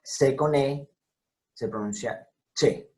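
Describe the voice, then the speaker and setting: A lecturer on pronouncing scientific names speaks over a video call in a slow, warm, mid-range voice. Talking over slides, he carefully spells out and repeats each sound as he explains, and the recording is rough.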